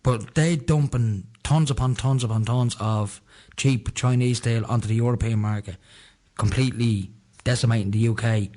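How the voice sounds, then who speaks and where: A man's voice: mid-range voice, steady tone, normal speed, darkish tone. A man with a Dublin accent hosting a radio talk show, chatting casually in a rambling way with lots of fillers. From Ireland. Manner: rambling, conversational, many fillers.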